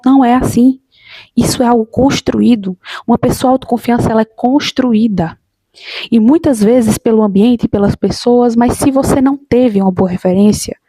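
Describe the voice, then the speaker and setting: Woman, husky mellow voice, dry close sound, emphatic motivational vlog talk. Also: a little high, no echo. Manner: emphatic, repetitive, addresses viewers directly as "gente". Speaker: motivational video host. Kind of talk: casual motivational talk to camera.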